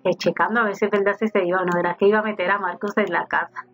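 This gaming YouTuber has a mid-range, somewhat bright voice. She talks casually to her game characters during a let's-play, recorded at home with a slightly dull sound and faint game music in the background.

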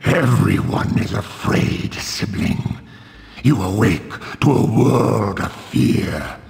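A male actor voicing a bloated undead vampire monster in a game, a mocking younger brother with a dark, menacing, raspy whisper. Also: fairly low pitch, expressive, takes it slowly, heavily acted. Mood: bitter, menacing. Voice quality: gravelly, breathy rasp. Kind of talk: video game villain voice acting. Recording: long cavernous reverb over music.

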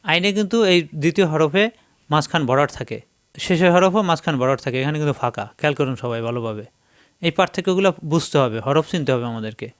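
A man's voice: a little high, lively intonation, fast, smooth, dry recording. A man teaching letter sounds, patiently repeating syllables in chanted drills as a reading lesson. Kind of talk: slow drilled recitation lesson.

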